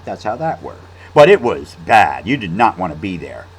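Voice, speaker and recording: A man's voice: deep voice, sing-song, normal speed, husky, rough recording. A man telling a story in a casual, rambling monologue, with restarts and fillers. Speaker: vlog host.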